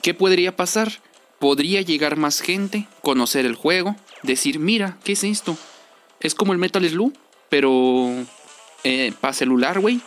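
A young Mexican man with a slightly high voice talks casually about a game. His speech is slangy and rambling, with repeated phrases for emphasis. Game music plays faintly behind him. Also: lively intonation, moderate pace, fairly bright tone. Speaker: gaming video creator. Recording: music under the voice.

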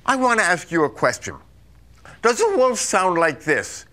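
A man's voice: sits high, big pitch swings, normal speed, pushed and bright, full character voice. A man playing a big, silly, happy-go-lucky wolf on a children's stage, talking playfully to the kids. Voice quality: playful, jumps into animal sounds. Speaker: live stage performer. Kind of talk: live children's theater. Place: stage before a child audience.

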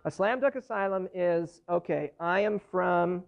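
High-pitched with vocal fry and a measured pace, a thirtysomething immigration lawyer lectures conversationally from a lectern, walking students through case examples. The university hall audio comes from a distant camera and sounds dull and lo-fi.

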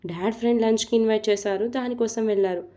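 A worried younger sister who also teases in a spoken storybook, played by a woman narrator. The voice is fairly high and mellow. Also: fairly even intonation, quick pace, natural voice.

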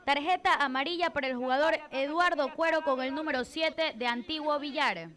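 A woman giving factual live reports from the side of a football pitch. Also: normal speed, a bit bright. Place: outdoors beside a football pitch. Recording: crowd noise at outdoor pitch.

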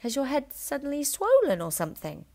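A woman reads aloud as a sly little girl in a storybook, speaking sweetly in a high, light voice. Her tone is mock-innocent and calmly matter-of-fact. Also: fairly quick, full character voice.

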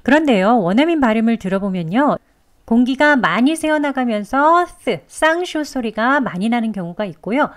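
A woman teaching English pronunciation, explaining patiently and modelling sounds slowly. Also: fairly high pitch, lively intonation. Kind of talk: pronunciation lesson.

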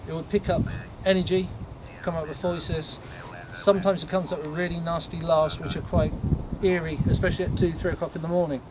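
A man leading a ghost tour, explaining things informally to a group in a halting, matter-of-fact way. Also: fairly high pitch, level tone. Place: on a night walking tour, in the dark. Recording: noisy outdoor night recording.

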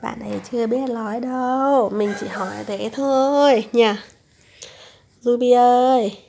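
Hoarse, gravelly young mother, slow and coaxing. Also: on the high side, steady tone, dark tone, a little hiss or hum. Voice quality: gravelly, husky voice. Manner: coaxing baby talk mixed with chatty asides to viewers. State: hoarse after flu. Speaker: mother vlogging with her baby. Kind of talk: casual home vlog. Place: home bedroom, on the bed.

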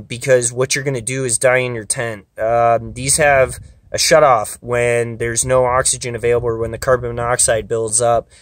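Outdoors at a campsite, a man in his thirties chats into a handheld camera about camping gear, plain-spoken and peppered with "uh" and "um." His voice sits in the mid range.

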